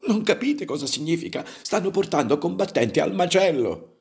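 A man voicing a grumpy old male donkey who shouts in alarm in a storybook reading. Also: expressive, normal speed, vocal fry. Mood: frantic. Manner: shrill shouting.

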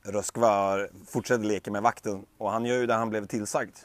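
A man telling a bedtime story to a child in an animated way, with sound effects and lively voices. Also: on the low side, no room sound.

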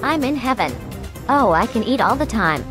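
A woman's voice: a little high, sing-song, normal speed, over music. A woman voicing a greedy, food-loving pig toy in a cartoon. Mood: blissful, sneaky. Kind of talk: expressive cartoon acting.

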